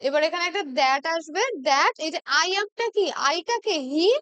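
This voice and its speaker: A woman with a Bengali accent teaching an exam-prep English lesson, patiently checking in with her students and reading example sentences out slowly. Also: very high voice, animated, bright, forceful tone, no echo. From West Bengal, India. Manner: patient, checks in with "ঠিক আছে?" constantly.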